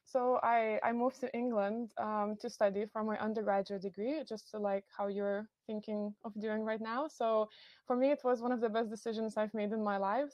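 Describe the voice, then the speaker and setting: A young woman with a Lithuanian accent, from Lithuania, gives a friendly, informative university recruitment webinar laced with fillers, using a computer mic on a video call. Her mid-range voice is a little mellow. The recording sounds dry and lo-fi.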